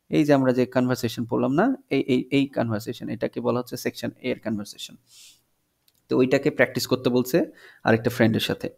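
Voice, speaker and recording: A man teaching an English textbook lesson on video, reading English lines slowly and then explaining them in Bengali. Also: mid-range voice, creaky, darkish tone.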